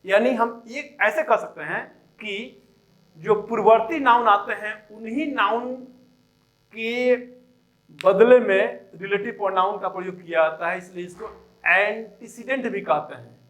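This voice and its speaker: A male teacher explaining English grammar, repeating each example sentence slowly and deliberately. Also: high voice, fairly bright tone, poor audio.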